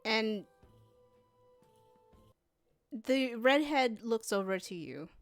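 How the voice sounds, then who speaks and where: Slow halting woman game master. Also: mid-range voice, clean tone, no echo, clean studio sound. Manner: slow, halting, many fillers. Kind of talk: narrating a tabletop game.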